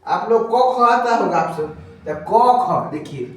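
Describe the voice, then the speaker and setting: Young male tutor, high voice, chatty lesson, roomy echo, set back from the mic. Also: expressive, measured pace, recorded from a distance. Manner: chatty, repeats questions to students. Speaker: teacher. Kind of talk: casual Hindi grammar lesson. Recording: echoey room, voice from off-mic.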